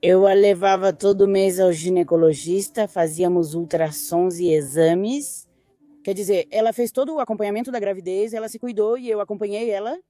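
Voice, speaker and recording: A mother recounting her family's story in a quiet, intimate documentary testimony. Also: medium pitch, normal speed, no room sound, faint music behind. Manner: quiet, intimate retelling with quoted dialogue. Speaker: grieving mother interviewed.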